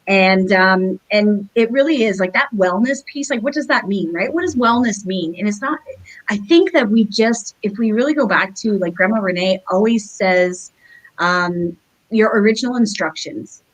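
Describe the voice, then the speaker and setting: A woman's voice: medium pitch, normal speed, poor audio. A woman hosting a community chat over a video call, talking in a rambling way with many fillers. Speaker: community organization host.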